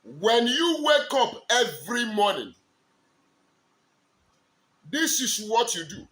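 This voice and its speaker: Man, Nigerian accent, Igbo speaker, bright voice, emphatic sermon delivery. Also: very high-pitched, sing-song. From eastern Nigeria. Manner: slow, emphatic, drawn-out declarations. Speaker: spiritual teacher. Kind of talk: preaching to camera.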